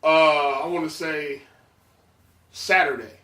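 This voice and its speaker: Bright high-voiced man hosting a podcast, sick with a cold. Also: steady tone, slow, echoey room, recorded from a distance. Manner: laid-back, joking, slangy. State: congested with a winter cold. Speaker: podcast host. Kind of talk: casual chat.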